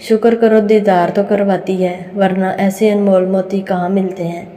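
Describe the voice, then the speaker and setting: A proud courtesan madam lays down the law with firm restraint, read by a woman storyteller. Her voice is dark and flat in pitch. The room adds a long echo. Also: normal speed, close to an everyday voice. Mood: stern. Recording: reverberant room.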